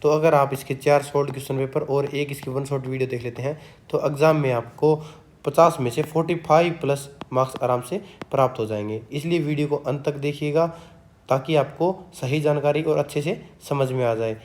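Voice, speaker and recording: A man tutoring students through an exam paper. He reads English definitions slowly, then explains them in Hindi. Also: medium pitch, steady tone, a little mellow. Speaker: exam tutor, channel host. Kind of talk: exam-prep lesson explaining a question paper.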